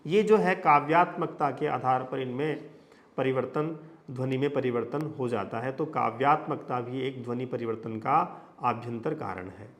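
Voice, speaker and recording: A man's voice: mid-range voice, normal speed. A man teaching a lesson on sound change, explaining step by step through long lists of examples and frequent tag questions. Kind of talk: lecture on phonetics.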